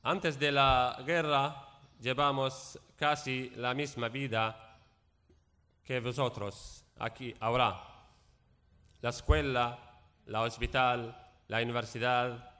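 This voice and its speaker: A man from Syria, a native Arabic speaker with a Syrian accent, giving public testimony as a guest speaker in halting, broken speech with repeated words and searching pauses. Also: mid-range voice, fairly even intonation, sharp tone, clean tone. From Raqqa region, Syria. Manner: halting, broken Spanish with frequent repetitions and word searching.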